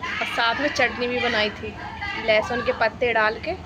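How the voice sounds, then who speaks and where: A woman's voice: on the high side, fairly even intonation, moderate pace, crowd noise. A young woman chatting casually to her viewers as a vlogger. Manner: chatty, addresses viewers directly. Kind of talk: casual vlog chat.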